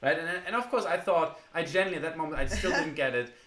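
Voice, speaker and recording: A man's voice: fairly high pitch, fast, fairly bright tone. Man telling a story in an echoey room. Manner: hesitant, many fillers and restarts. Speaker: vlog co-host. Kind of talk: casual storytelling.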